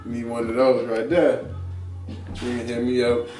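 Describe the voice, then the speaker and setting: A man's voice: mid-range voice, flat delivery, a little slow, over music. Echoey man in slangy, profane banter. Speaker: talk show host. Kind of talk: casual chat. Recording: roomy echo, distant mic.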